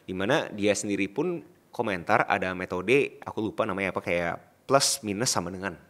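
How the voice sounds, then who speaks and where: A man's voice: sits low, lively intonation, brisk, a bit bright. A man co-hosting a podcast, talking casually in slang and putting probing questions to his partner. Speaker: podcast co-host.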